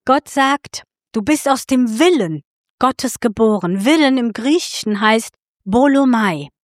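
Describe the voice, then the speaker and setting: Woman preacher, higher voice, story-driven sermon, dry recording. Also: animated, a little slow, dry recording. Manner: storytelling, appealing directly to listeners.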